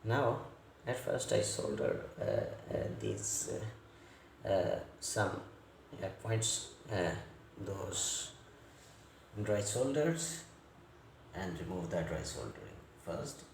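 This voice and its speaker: A male electronics repair technician who isn't a native English speaker gives an unscripted, hands-on repair tutorial. His delivery is slow and halting, with piecemeal phrasing, repeated words, a gravelly low end and huge pitch swings. The indoor recording has a roomy echo and faint background noise.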